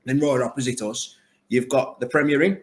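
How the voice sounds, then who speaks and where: A man's voice: medium pitch, steady tone, normal speed. A man, an arcade owner chatting enthusiastically and at length in a casual interview. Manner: enthusiastic, rambling, full of superlatives.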